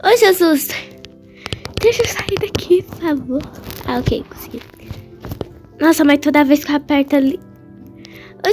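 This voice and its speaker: Her voice is high and bright as this gaming channel host narrates play in a loose, chatty style. She teases the characters and asks them questions as though they could hear, with soft game music faintly underneath.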